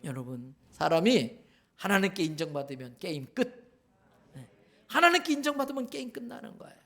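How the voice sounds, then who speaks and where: A man's voice: high-pitched, sing-song, a little fast, fairly bright tone. A man preaching a sermon as a pastor, emphatic, repeating key phrases and asking the congregation questions. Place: church sanctuary.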